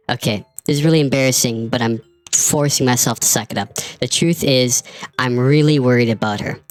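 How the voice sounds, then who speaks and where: A woman reading the lines of a prickly teenage girl who is worried about a friend, in a plain, unhurried voice. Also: a bass voice, poor audio. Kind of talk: reading game dialogue aloud.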